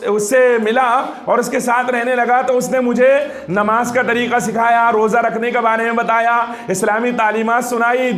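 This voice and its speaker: A man preaching to a gathering in a very high voice, telling a story and voicing each side of the conversation. He urges his listeners to pause and reflect. The sound carries a strong echo from the room. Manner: animated storytelling, acting out dialogue, calling for reflection. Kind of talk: storytelling sermon. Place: religious gathering with audience. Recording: echoey room.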